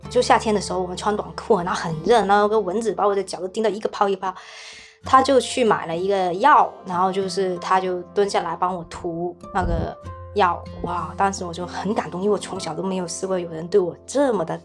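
A woman's voice: fairly low pitch, brisk. A young woman telling a personal story as a podcast guest, speaking hesitantly, often repeating words and restarting her sentences. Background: soft background music.

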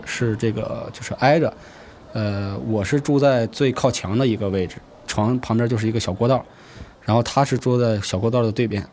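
A man telling a first-person story in an unhurried, conversational way, often restarting his sentences. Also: lowish voice, a little mellow, slight background noise. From rural Hebei, China.

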